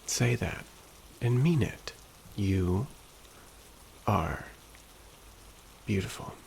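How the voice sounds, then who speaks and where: A man speaking in a slow, soft, hushed and gentle ASMR pep talk style, at times whispery. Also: expressive, slight background noise, low-quality recording. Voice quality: low, very creaky. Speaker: ASMR host.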